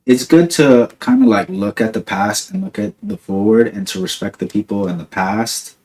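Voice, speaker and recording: Very animated at a moderate pace, this young New Jersey man has a lowish, slightly mellow voice. He hosts a podcast, chatting casually in a rambling, laid-back style peppered with "like" and "dude."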